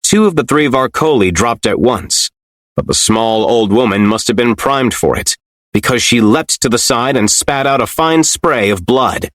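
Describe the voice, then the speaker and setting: A man narrating a fantasy audiobook in an expressive, storytelling manner. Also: mid-range voice, normal speed, no echo, studio quality. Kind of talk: scripted fiction narration.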